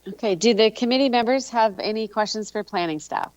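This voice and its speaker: A woman's voice: fairly high pitch, fairly quick, no room sound. A woman chairing a committee meeting in formal, procedural language. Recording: dull, dry meeting audio.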